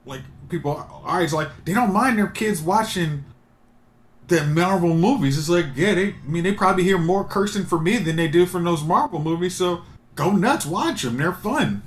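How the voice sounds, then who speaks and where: A man's voice: high voice, expressive, normal speed. Rambling man in casual chat. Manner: rambling, opinionated, thinks aloud. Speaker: podcast co-host. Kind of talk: casual chat about superhero movies.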